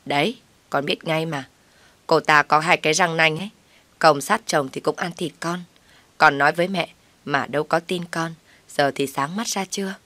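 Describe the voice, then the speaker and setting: A woman voicing a haughty, sharp-tongued young sister-in-law who sneers at her brother's wife. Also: low voice, moderate pace, no room sound. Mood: spiteful.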